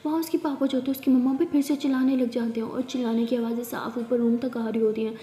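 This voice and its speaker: A woman tells a story in a relaxed, conversational narration. Her voice is high and mellow, and a long reverb hangs in the echoey room. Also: quick pace. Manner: conversational, clears throat.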